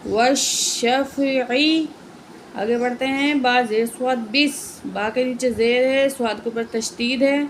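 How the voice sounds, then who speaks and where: Patient female reading teacher, slightly high voice, slow letter-by-letter drills, faint background noise. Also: poor audio. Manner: patient, spells out each letter and stretches words very slowly. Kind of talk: Quran reading lesson, slow spelling drills.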